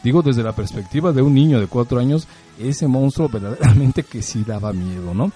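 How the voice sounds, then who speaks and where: Middle-aged mexican guy chatting about parenting, really deep mellow voice, tells stories and keeps tossing in little questions, soft music behind. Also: fairly quick. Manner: storytelling, conversational, rhetorical questions. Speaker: host. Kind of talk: casual talk about parenting.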